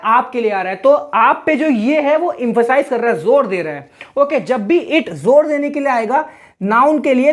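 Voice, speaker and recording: A woman with a somewhat high voice teaches an online grammar lesson. She explains patiently, goes over each point more than once, and reads her example sentences slowly and deliberately.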